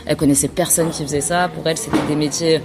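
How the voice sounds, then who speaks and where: A woman's voice: low voice, fairly even intonation, fast, music in the background. A woman who was born in France, a podcast guest, talks casually and thoughtfully with many fillers and restarts. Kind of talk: casual conversation.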